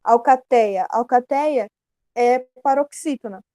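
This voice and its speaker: A Brazilian woman teaching a grammar lesson in a relaxed, explanatory way, often correcting herself mid-sentence. Her voice sits a little high but sounds mellow. The recording is dry and close. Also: slow pace, no room sound. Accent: Brazilian Portuguese. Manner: explanatory, casual, self-correcting.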